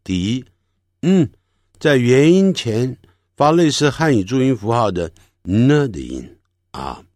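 A man's voice: medium pitch, big pitch swings, unhurried, darkish tone, no echo, clean studio sound. A man teaching English pronunciation, patiently explaining and drawing out sounds to demonstrate them. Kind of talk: classroom lesson.

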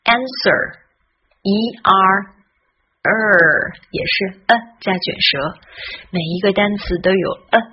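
A woman teaching English pronunciation in a careful lesson, spelling out letters and modeling each sound slowly. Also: medium pitch, husky. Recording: dull, lo-fi recording.

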